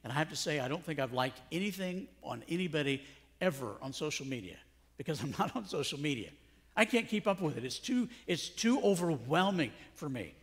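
A man's voice: fairly high pitch, fairly bright tone. A middle-aged male pastor preaching a sermon in a conversational way, full of rhetorical questions. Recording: long hall reverb.

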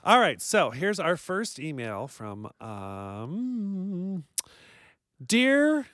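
A man with a fairly high, very animated voice, recorded close and dry. He banters as a talk show co-host in a campy drag-queen manner, stretching words for theatrical emphasis. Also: drawn-out words, dry recording.

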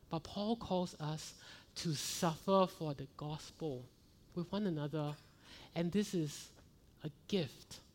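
A middle-aged male pastor preaching a sermon, earnest and building to fervent rhetorical questions. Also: high-pitched.

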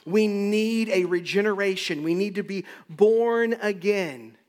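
A male pastor delivering a sermon in an emphatic, rhythmic cadence, hammering home his points through repetition. His voice sits fairly high for a man. The sound carries the long reverb of a large hall. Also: unhurried.

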